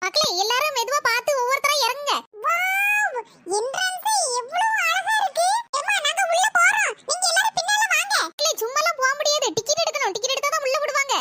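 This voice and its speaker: Squeaky chipmunk cartoon villagers. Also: expressive, very fast, sharp tone, dry recording, full character voice. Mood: excited chatter. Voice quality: squeaky, sped-up sounding. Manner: chatty, calls to family and viewers. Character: chipmunk-pitched cartoon village mothers and kids. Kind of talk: cartoon voice acting. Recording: noisy cartoon soundtrack.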